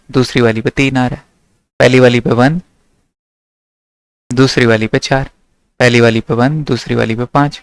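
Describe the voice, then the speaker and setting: A man's voice: medium pitch, clear, resonant tone, no echo. A young man from teaching maths to a class, checking often that his students follow. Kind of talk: classroom lecture.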